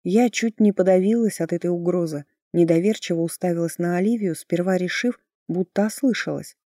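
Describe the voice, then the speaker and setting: Mellow expressive woman audiobook narrator. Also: on the low side, brisk, dry recording, studio quality. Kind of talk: first-person audiobook narration.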